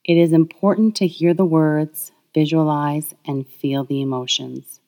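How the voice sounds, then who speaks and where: A woman reading a guided healing meditation, speaking slowly and softly in soothing affirmations. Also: low voice, fairly even intonation. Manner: slow, soft, soothing affirmations.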